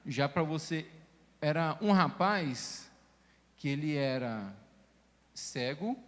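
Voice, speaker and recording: A man's voice: on the high side, lively intonation, takes it slowly, in a large hall. A man who stutters at times, telling personal stories in a casual panel discussion at a church event. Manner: stammers at times, many fillers; reflective personal storytelling.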